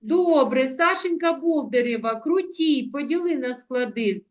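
A woman teaching young children in an online class, coaxing them with diminutives and drawing out words slowly for them to repeat. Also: sits high, expressive, dull audio. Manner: affectionate, coaxing, uses diminutives; slow, drawn-out word modelling. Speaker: primary school teacher. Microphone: video call.

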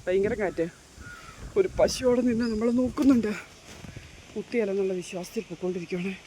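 A woman's voice: medium pitch, fast, dark tone, slight background noise. A woman talking casually to her viewers as she walks outdoors, filming on a phone and chatting in a loose, running way. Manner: chatty, keeps addressing viewers with tag questions. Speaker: vlogger. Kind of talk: casual walking vlog. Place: outdoors walking along roads, then at home.

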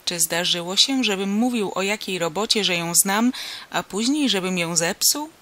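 A reader voices an earnest village healer, a man who presses his case insistently and persuasively. The voice is bright and forward. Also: mid-range voice, expressive, moderate pace.

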